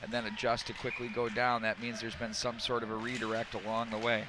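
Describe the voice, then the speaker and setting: A man doing live hockey play-by-play, making rapid calls that rise sharply on scoring chances. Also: medium pitch, level tone, heavy background noise. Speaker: play-by-play announcer. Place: outdoor rink broadcast.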